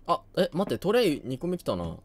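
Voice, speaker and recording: A man's voice: a little high, huge pitch swings, fairly quick. A young man giving casual game commentary, thinking aloud and often hesitating. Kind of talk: casual let's play commentary.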